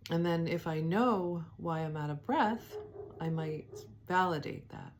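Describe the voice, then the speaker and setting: A woman with a low, grounded voice leads a gentle devotional teaching. She speaks unhurriedly and reflectively, pausing often and restarting her thoughts. A faint hum of room ambience sits behind her. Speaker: spiritual teacher.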